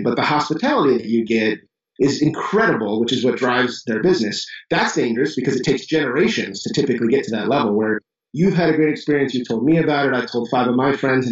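A man from Chicago with a Chicago accent, a business owner telling stories as a guest in a casual interview, animated and full of restarts. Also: mid-range voice, echoey room, far from the mic, highs cut off. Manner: animated storyteller, many restarts and fillers.

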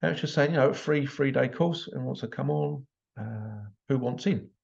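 A man's voice: mid-range voice, normal speed, creaky, a little mellow. A British man hosting a solo podcast, telling a story in a blunt, exasperated way. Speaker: podcast host. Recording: slightly dull lo-fi recording.

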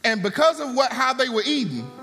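High lively preacher in a big hall. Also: male voice, creaky. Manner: call-and-response preaching, folksy asides. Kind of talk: sermon. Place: church sanctuary. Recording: long hall reverb, faint music.

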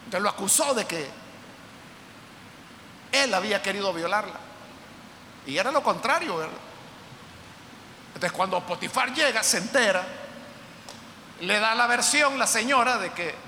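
A man preaching a sermon, impassioned and breaking into shouts as he retells a story. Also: high voice, a little hiss or hum. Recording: echoey hall with faint ambience.

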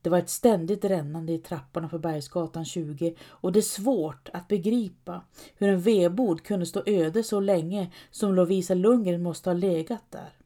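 A woman narrates a scripted story in a calm, measured way. Her voice is mellow and dark-toned. She reads at an even, unhurried pace. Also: lowish voice.

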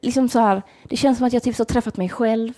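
Chatty woman telling a dating story. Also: fairly high pitch. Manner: animated storytelling, laughs often. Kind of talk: casual chat.

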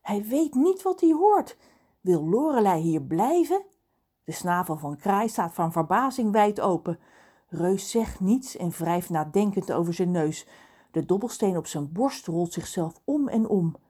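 Expressive woman reading a children's story. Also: mid-range voice, measured pace, breathy edge. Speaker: narrator. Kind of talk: children's audiobook narration.

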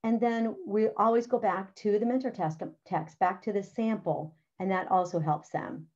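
A woman's voice: mid-range voice, fairly even intonation, moderate pace, darkish tone. A middle-aged woman teacher talking other teachers through a writing lesson, practical and chatty, often saying "all right" and "okay". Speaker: teacher presenting a writing curriculum. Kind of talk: instructional walkthrough. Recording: slightly dull, lo-fi sound.

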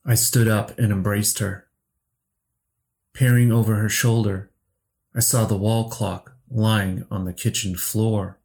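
A man narrating a horror story slowly and steadily for a podcast. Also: fairly low pitch, flat delivery, gravelly, darkish tone. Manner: slow, measured storytelling.

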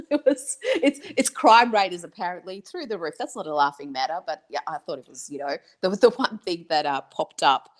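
Low-voiced chatty woman guest. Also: lively intonation, moderate pace. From Iran. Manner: chatty, laughs often. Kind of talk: casual conversation.

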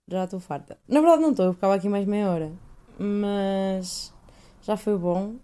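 A woman's voice: medium pitch, dark tone, clean tone. A woman in her twenties with a European Portuguese accent, hosting a solo podcast in a rambling, self-deprecating casual monologue. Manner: rambling and self-deprecating, heavy use of fillers. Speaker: podcast host.

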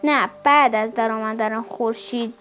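Woman narrator voicing a contrary young village brother, high-pitched and insistent, always disagreeing, storybook reading. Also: fairly even intonation, fairly bright tone, faint music behind, natural voice. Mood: stubborn.

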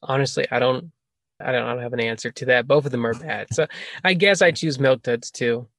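A man's voice: mid-range voice, brisk, a bit bright, dry recording. Rambling man hosting a casual podcast. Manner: rambling, laughing, self-correcting. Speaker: podcast host asking questions.

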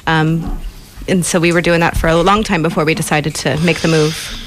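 A woman's voice: low-pitched, fairly even intonation, normal speed, slight background noise. A woman from the United States with an American accent, talking casually as an interview guest in a chatty, self-deprecating way. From Ohio, United States.

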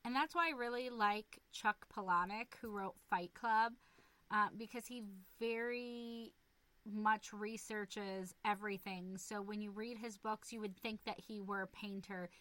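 This young woman co-hosts a casual podcast and talks with a bright, sharp tone. She is blunt and animated and swears freely. Her voice sounds close and dry, with no room around it. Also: mid-range voice, a little slow, no echo. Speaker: podcast co-host. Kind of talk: casual chat.

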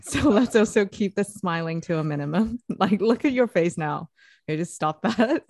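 A woman's voice: mid-range voice, lively intonation, normal speed, a little mellow, dry recording. A woman hosting a podcast in a teasing, casual way, often laughing. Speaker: podcast host.

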